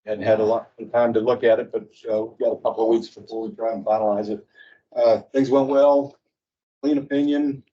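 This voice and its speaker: Mellow man, distant and muffled. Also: medium pitch, flat delivery, a little fast. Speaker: auditor presenting a report. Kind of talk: informal meeting presentation. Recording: distant, muffled meeting-room microphone.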